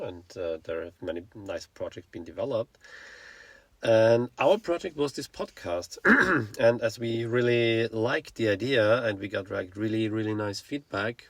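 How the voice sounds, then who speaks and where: A native German speaker in his forties with an Austrian accent co-hosts a casual podcast, speaking frankly and informally and often searching for words. His voice is fairly low, with no room sound.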